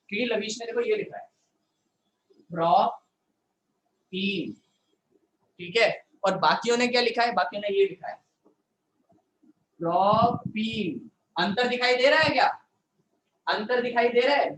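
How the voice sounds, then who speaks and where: A man's voice: sits high, a bit bright, reverberant, slight background noise, rough recording. Scolding, joking male science teacher. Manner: scolding, playful teacher banter; repeats filler "yaar" often. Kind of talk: live online class lecture.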